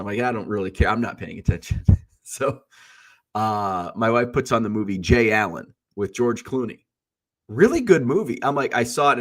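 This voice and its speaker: A congested, stuffy-sounding man hosts his daily live stream through a streaming setup, his voice a bit low for a man. He's chatty and joking, drifting easily from one tangent to the next.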